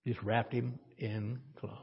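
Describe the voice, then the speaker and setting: A man's voice: mid-range voice, little pitch movement, slow pace, slightly rough. A male pastor preaching a sermon in a conversational way, asking the congregation questions and adding dry sarcasm. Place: church sanctuary. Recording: dull audio with long church reverb.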